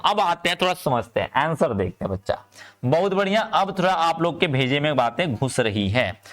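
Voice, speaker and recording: A male chemistry teacher speaking, giving a live online class, often repeating himself to urge students to answer quickly and calling them "kids". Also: fairly high pitch, a bit bright. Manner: calls students "bachcha" and "bhai".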